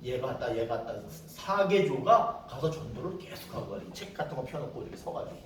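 A middle-aged male pastor telling stories in a conversational sermon, sometimes shouting quoted lines. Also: mid-range voice, animated, brisk, slight background noise. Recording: echoey room from a distance.

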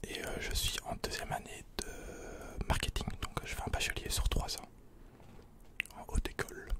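A Belgian man answers questions in a slow, breathy ASMR whisper, speaking close to a desk condenser microphone in a small attic room.

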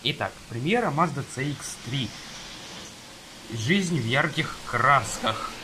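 A young man reviews a car magazine page by page in a casual, halting way full of fillers as a phone camera films from overhead. He sits at a table indoors while rain falls outside, and his medium-pitched voice is expressive over a noisy background.

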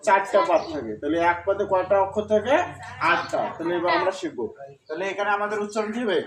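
A man's voice: sits high, quick pace, roomy sound, a crowd in the background, rough recording. A man teaching a pronunciation lesson, patiently asking questions, answering them himself and counting syllables aloud. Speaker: Sanskrit recitation teacher.

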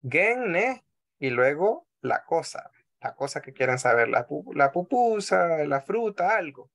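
A man with a Salvadoran Spanish accent teaching a language class over a video call, patient, often repeating words slowly and checking in with the class. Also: a little high, big pitch swings, gravelly, a bit bright.

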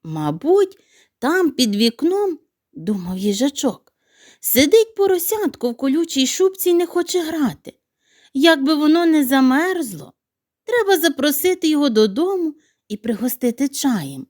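Hedgehog, voiced by a woman narrator: small shy male critter, earnest and fretful, soft lifted tone, kids' audio tale. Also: sits high, very animated, normal speed, voice pushed up. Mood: gentle. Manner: gentle, worried, earnest. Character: kind, timid little male hedgehog.

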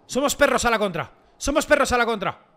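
A man giving excitable gameplay commentary, repeating phrases and bursting into shouts. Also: extremely high pitch, quick pace. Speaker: gaming YouTuber.

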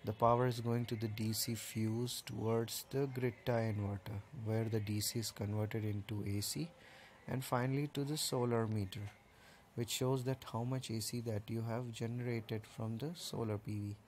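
A man's voice: fairly low pitch, flat delivery, normal speed, a little mellow, a little hiss or hum. A man walking through a rooftop solar installation, explaining each part step by step in a plain, casual way, with the odd filler. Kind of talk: casual technical walkthrough.

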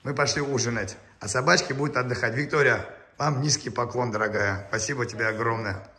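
A man's voice: medium pitch, brisk, bright, forceful tone, far from the mic. A man chatting casually to viewers as he films and presents, effusive and often repeating his words. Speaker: animal park host presenting pets and trainer. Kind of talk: casual chat to viewers while filming. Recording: echoey room with background noise.

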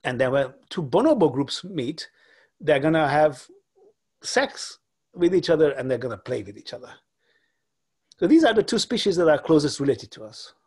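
Here a man from Hungary, in his forties, lectures online from home over his laptop webcam during a video call. He talks haltingly, full of fillers and restarts, in a fairly high voice with big pitch swings that's a little mellow and slightly rough.

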